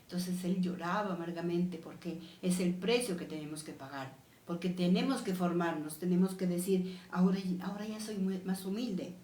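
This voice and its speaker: A woman's voice: lowish voice, fairly even intonation, normal speed, dark tone, echoey room. A woman preaching a sermon, repeating her key phrases with emphasis. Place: church.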